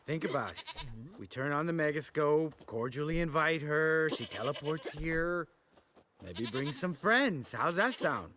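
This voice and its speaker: A man's voice: a little high, lively intonation, unhurried, bright, forceful tone, slight background noise. An actor playing a sarcastic, crude witcher who mocks his friends. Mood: mocking. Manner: mocking, crude, sardonic. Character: gruff sarcastic witcher man, crude joker. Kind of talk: video game character dialogue.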